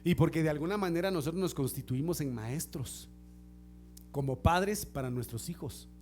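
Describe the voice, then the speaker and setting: A man preaching a sermon as pastor, dropping to near-whispered asides and rising to shouted peaks, acting out the people in his stories. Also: a little high, normal speed, soft background music. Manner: acts out quoted people in a storytelling way. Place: church.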